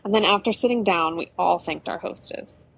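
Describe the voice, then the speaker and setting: A woman's voice: fairly low pitch, moderate pace, gravelly, fairly bright tone, breathy edge, poor audio. A woman narrating an adventure story in a chatty, conversational way. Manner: chatty, with frequent "you know".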